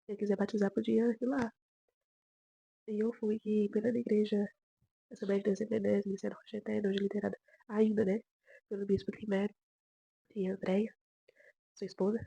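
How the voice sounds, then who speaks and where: A woman's voice: medium pitch, flat delivery, fairly quick, gravelly, long pauses, breathy edge, no echo. A young Brazilian woman telling her personal faith testimony, her voice rising with emotion as she tells the story. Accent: Brazilian Portuguese. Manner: emotional storytelling, voice rising and getting loud when moved. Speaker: churchgoer giving testimony.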